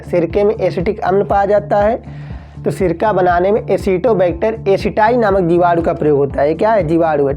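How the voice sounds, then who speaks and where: A woman's voice: medium pitch, mellow. A woman science teacher going through multiple-choice exam questions, repeating key terms, asking her students questions and often saying "theek hai".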